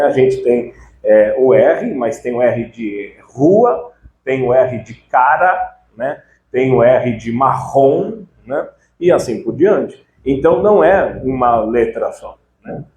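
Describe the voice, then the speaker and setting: Chatty man lecturing in an echoey room. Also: fairly high pitch. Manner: animated, conversational, frequent "né" tags. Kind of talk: informal lecture with slides. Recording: echoey room with faint background noise.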